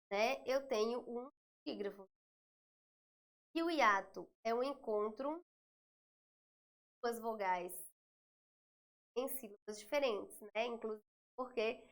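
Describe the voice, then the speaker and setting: A woman's voice: on the high side, a bit bright. A Brazilian woman teaching a Portuguese exam review, explaining patiently and checking in often with her students.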